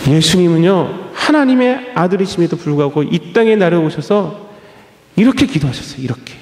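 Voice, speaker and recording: Man, pastor, preaching, high animated pitch, rhetorical questions, echoey church. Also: moderate pace, a little hiss or hum. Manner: emphatic preaching with rhetorical questions and repeated phrases. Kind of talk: sermon. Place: church sanctuary.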